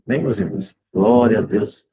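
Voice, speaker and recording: Leading a discipleship Bible class online by video call, this man is fervent and keeps tagging sentences with a questioning "né?". He has an animated, mid-range voice, the sound is muffled, and a crowd can be heard behind him.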